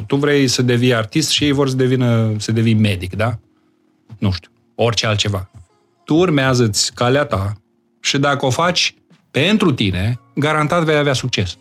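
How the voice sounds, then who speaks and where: A man, a guest in a conversational interview, explaining his views calmly and earnestly with everyday examples. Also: medium pitch. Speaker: interview guest, disciple of spiritual masters.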